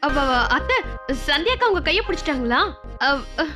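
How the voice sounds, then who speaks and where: A woman's voice: high voice, very animated, normal speed. An actress playing a flustered young mother in a TV serial, stammering nervous excuses to dodge a chore. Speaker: younger daughter-in-law in a TV serial. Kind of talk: TV serial acting. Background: background music score.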